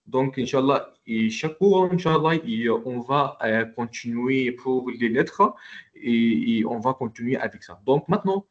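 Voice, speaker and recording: A man's voice: mid-range voice, expressive, measured pace, dull audio. A man teaching an Arabic alphabet lesson in French, talking in a hesitant way with many fillers and restarts.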